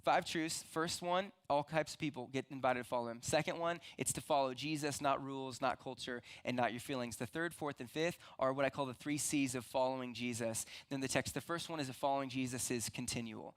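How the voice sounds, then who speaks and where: A man's voice: mid-range voice, steady tone, a little fast, hardly any pauses. A young man preaching a sermon as pastor, earnest and conversational, with frequent restarts.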